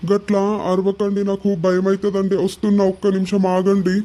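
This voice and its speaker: A woman voicing a fearful, tearful adult village husband in a cartoon, pleading softly in a Telangana accent. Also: medium pitch, monotone, brisk, lightly acted. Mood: timid, pleading. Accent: Telangana Telugu. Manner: pleading, fearful, soft-spoken. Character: timid weepy village husband, adult man. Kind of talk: cartoon voice acting.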